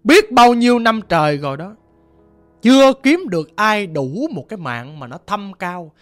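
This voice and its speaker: A storyteller voicing a menacing male cult leader who heads a gang, talking low and slow. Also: big pitch swings, soft background music, lightly acted.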